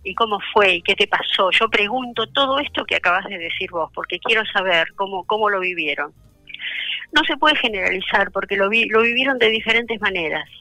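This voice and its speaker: A woman's voice: mid-range voice, animated, brisk, sharp tone, dry recording, faint music behind, rough recording. An older woman with an Argentine accent, speaking in a radio interview, reflective and hesitant with many fillers. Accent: Argentine (Rioplatense). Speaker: interview guest, author. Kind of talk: personal testimony in a radio interview.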